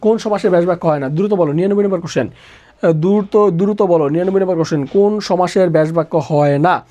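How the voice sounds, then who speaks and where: A man teaching a live online exam-prep class who repeats each question and answer again and again, pushing students to answer quickly. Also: high-pitched, mellow. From Bangladesh. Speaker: admission exam tutor.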